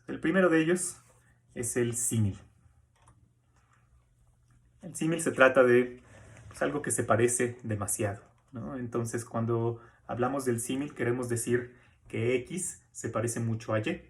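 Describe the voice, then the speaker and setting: A man giving a recorded course lecture in a relaxed, conversational way, often checking in with tag questions and fillers as he explains. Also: mid-range voice, unhurried, pauses often. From Mexico. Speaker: university lecturer.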